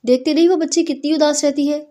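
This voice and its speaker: A woman's voice: high voice, fairly even intonation, warm tone, voice pushed up, lightly acted. A woman voicing a fussy older mother-in-law who nags and scolds in a motherly way. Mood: scolding. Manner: nagging, motherly.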